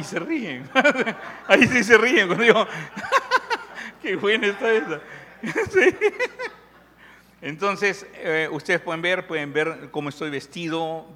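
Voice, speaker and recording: A man from Peru gives a sermon in an easy, talkative way, tossing questions and jokes to his listeners. His voice sits a bit high and sounds bright and forceful. It rings out with a long reverb, as in a big hall. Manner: conversational, jokes with the audience, asks questions. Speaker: preacher.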